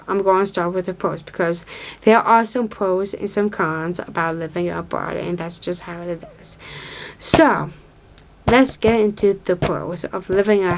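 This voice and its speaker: A vlogger in her twenties from upstate New York talks casually to the camera, rambling and restarting with many fillers as she loses and finds her thread. Her voice is at an ordinary middle pitch, and she reads from notes, looking down. The recording is rough.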